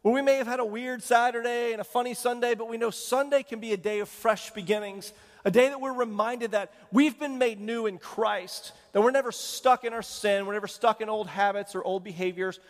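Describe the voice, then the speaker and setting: Pastor guy preaching, fairly high voice, talks right to the crowd, long hall reverb. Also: fairly even intonation, moderate pace. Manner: conversational, asks the congregation questions. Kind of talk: sermon. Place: church sanctuary.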